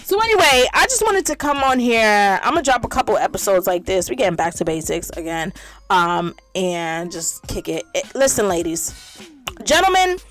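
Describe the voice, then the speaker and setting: A woman's voice: fairly high pitch, a bit bright. A woman hosting her own podcast, ranting bluntly in a casual monologue, full of profanity and repeating her points for emphasis. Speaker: podcast host.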